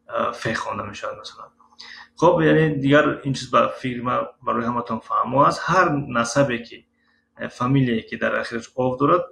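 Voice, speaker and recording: A man with a Tajik accent teaching a Russian lesson, reading example words slowly and pausing often with filler sounds. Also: mid-range voice, gravelly, a bit bright. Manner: slow, syllable-by-syllable read-aloud of example words; halting, with frequent filler sounds. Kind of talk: recorded language lesson. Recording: roomy echo with faint ambient noise.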